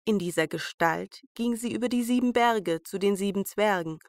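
A woman's voice: medium pitch, normal speed, no room sound, clean studio sound. A woman storyteller reading a German fairy tale aloud as a bedtime story. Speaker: podcast storyteller.

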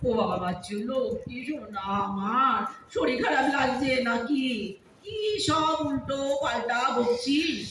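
A woman's voice: high-pitched, animated, moderate pace, fairly bright tone. A woman playing a melodramatic fussing mother. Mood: fussy. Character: fussy dramatic middle-aged mother, quick to wail. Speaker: radio drama actor. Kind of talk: Bengali audio drama acting. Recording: distant echoey room with faint hiss.

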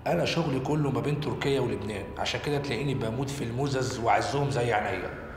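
A man's voice: mid-range voice, racing, close to an everyday voice. An actor playing a cocky, flirtatious male petty crook with an Egyptian accent, talking in a brash, wheedling way. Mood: boastful. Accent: Egyptian Arabic. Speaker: actor in a TV comedy series. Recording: echoey set with music behind.

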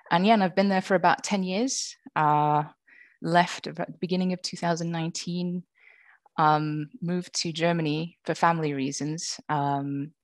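A woman's voice: deep voice, creaky, no room sound. A woman in her thirties from England, giving a friendly, self-deprecating panel talk over a video call on a headset. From England (born in Wales, grew up in Liverpool). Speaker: games industry panelist. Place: small room indoors.

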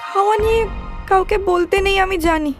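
A woman's voice: extremely high pitch, fairly quick, soft background music. A woman voicing an anxious young wife in a cartoon, pleading and emotional. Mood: worried. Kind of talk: cartoon voice acting.

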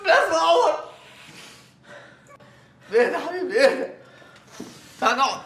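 An exasperated Egyptian friend. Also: male voice, extremely high pitch, moderate pace, roomy sound, a little hiss or hum, full character voice. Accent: Egyptian Arabic. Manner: exasperated, pleading, calming the friend. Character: long-suffering young male friend, exasperated.

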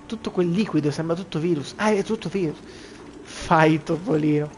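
A man's voice: on the high side, normal speed, darkish tone, faint music behind. A young man with a boyish voice, joking and swearing through casual gameplay commentary to his viewers. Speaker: let's play gamer.

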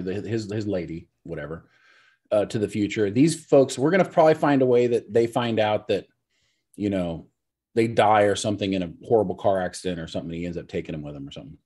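A man's voice: on the low side, lively intonation, a little fast, darkish tone, breathy edge. A man co-hosting a casual review podcast, explaining in a rambling, hedging way from a home setup. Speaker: podcast co-host.

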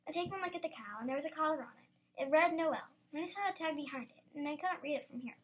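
A young girl, a student, reading her own story aloud, lively and bursting into excited exclamations. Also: sits high, quick pace. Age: child.

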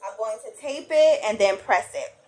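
A woman's voice: a little high, animated, normal speed, darkish tone. A woman hosting a hands-on craft tutorial, chatting casually and folksily to viewers as she works. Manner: folksy, addresses viewers as y'all; talks while working with hands. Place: small indoor craft workroom. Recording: noisy room, uneven camera-mic sound.

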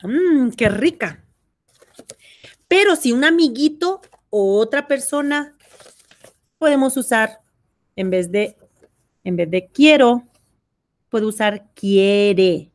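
A woman's voice: fairly high pitch, expressive. A woman teaching a kindergarten phonics lesson, sounding out letters and syllables one by one and praising the children. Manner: sounds out letters and syllables slowly, warm encouragement.

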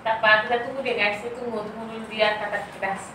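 Fast-talking woman in an echoey room. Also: a little high, flat delivery, a bit bright. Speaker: family mukbang vlogger. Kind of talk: casual chat to viewers while eating. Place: small bare room at home, dining table. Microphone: camera a few metres away. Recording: echoey room, distant mic, clattering dishes, noisy.

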